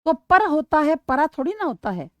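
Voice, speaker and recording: Woman, teacher, high voice, dry close sound, asks and answers her own questions, repeats key words. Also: sing-song, dry recording. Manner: sounds out words slowly to show stress. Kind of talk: exam-prep grammar lesson.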